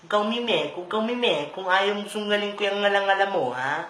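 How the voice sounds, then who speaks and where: Someone doing a gruff, menacing tough guy. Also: medium pitch, lively intonation, fairly quick, a bit bright, reverberant, slight background noise, close to an everyday voice.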